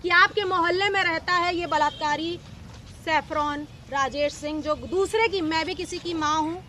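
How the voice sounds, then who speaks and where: High-voiced woman speaking out passionately. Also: moderate pace, sharp tone, a little hiss or hum. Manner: impassioned, emphatic, accusing. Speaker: local politician speaking to reporters. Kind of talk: street press interview.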